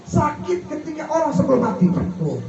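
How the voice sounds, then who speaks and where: A man preaches a sermon in an echoey hall at a gathering, very animated and creaky-voiced at a moderate pace. He leaves words unfinished for the crowd and turns high and soft when asking questions. Captured by a far mic, the sound is dull and echoey with faint hiss.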